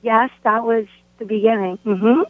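A woman sharing her personal faith testimony, animated as she acts out what people said to her. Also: a little high, unhurried, no echo. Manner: animated storytelling, acts out quoted speech. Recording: tinny phone line, dry.

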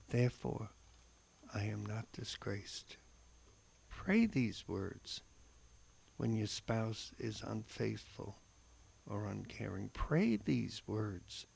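Male religious radio host, heavy creak, husky voice, earnest and emphatic, devotional talk. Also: medium pitch, a little mellow. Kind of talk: radio conversation and devotional reading.

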